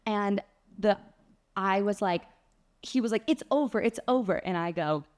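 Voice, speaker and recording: A young woman co-hosting a casual chat podcast, telling a story with lively acted-out quotes and frequent laughter. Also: mid-range voice, moderate pace. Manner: animated storyteller, acts out quotes, laughs often. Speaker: podcast co-host.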